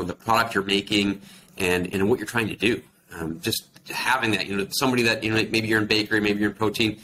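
On a noisy video call, an American man with a low, bright voice gives casual explanatory answers as an industry expert guest and account manager. He's in a small, plain indoor office, speaking into a computer microphone that lets background noise come through clearly.

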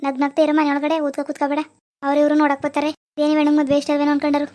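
A woman's voice: high-pitched, monotone, very fast, close to an everyday voice. A woman voicing a strict, nagging mother-in-law. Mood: scolding. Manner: loud, nagging, commanding. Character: scolding middle-aged mother-in-law, strict and bossy.

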